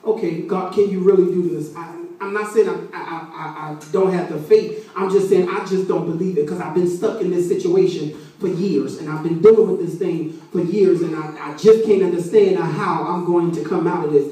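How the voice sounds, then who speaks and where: A woman preaching a sermon in a church, her voice swelling into shouted, sing-song passages, recorded on a phone from across the room. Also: on the low side, normal speed, few pauses. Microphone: phone camera from across the room. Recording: echoey church hall from far off.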